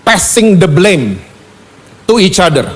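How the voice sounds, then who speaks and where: A male pastor preaching a lively, conversational sermon at a church service, often asking the congregation questions. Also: high-pitched, takes it slowly.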